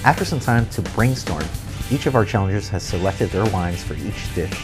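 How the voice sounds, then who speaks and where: A man's voice: deep voice, expressive, moderate pace, over loud music. A man narrating a food and wine show, explaining recipes step by step in an upbeat way. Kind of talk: cooking show voice-over narration.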